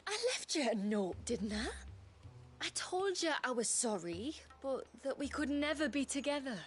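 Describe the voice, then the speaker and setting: A woman's voice: high-pitched, lively intonation, moderate pace, soft background music. A woman playing a torn, regretful former lover in a video game, dramatic and pleading. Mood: regretful, pained.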